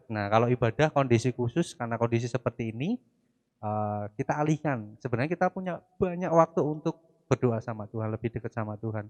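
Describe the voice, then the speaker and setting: A man with a light lilt delivers a relaxed, conversational sermon. His voice sits in a middle pitch, and he talks in an easygoing, chatty way. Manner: relaxed, chatty, with Javanese-flavored asides. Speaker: preacher. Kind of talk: casual sermon. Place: online church service.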